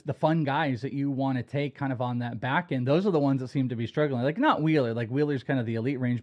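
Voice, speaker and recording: A man in casual podcast chat as a fantasy baseball analyst, rambling and animated with many fillers. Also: mid-range voice.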